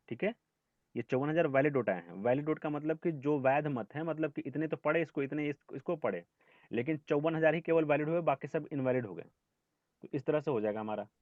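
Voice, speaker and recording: Over narrow, tinny audio with no room sound, a medium-pitched male teacher walks his online class through a math lesson step by step. He checks in with students by frequently asking "ठीक है?" and scolds them gently.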